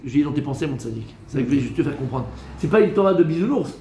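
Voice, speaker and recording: A man, a rabbi, giving a Torah lesson in a lively way, teasing his listeners with joking asides. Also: on the high side, racing, echoey room, a little hiss or hum.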